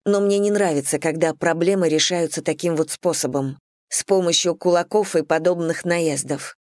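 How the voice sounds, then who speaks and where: A woman voicing an impatient, stubborn young woman, lifting her voice higher and sounding agitated. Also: normal speed, a little mellow, no room sound, studio quality, close to an everyday voice. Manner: higher, agitated, insistent delivery.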